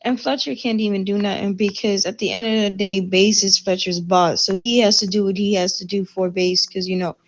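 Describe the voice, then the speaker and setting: A woman's voice: mid-range voice, steady tone, fairly quick, few pauses, lo-fi sound. A woman in roleplay voice chat, heatedly retelling an argument with plenty of profanity.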